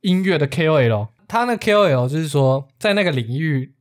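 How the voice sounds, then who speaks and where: A man's voice: on the high side, lively intonation, a little fast. A man with a Taiwanese accent hosting a podcast, explaining things casually in an easygoing, jokey way. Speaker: podcast host.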